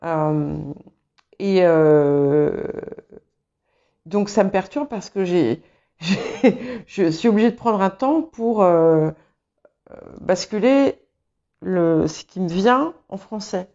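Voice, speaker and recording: Her voice on the low side, a woman who speaks English as her first language works through a tarot reading, hesitating, restarting and using many fillers. She sounds mellow and in no rush, and the recording from her small clip-on mic comes across slightly dull and lo-fi.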